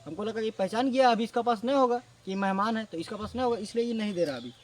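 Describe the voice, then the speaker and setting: A man telling a comic story in a casual, animated way, swinging between loud and hushed. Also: sits high, fast. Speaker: storyteller, channel host. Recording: distant mic with faint background noise.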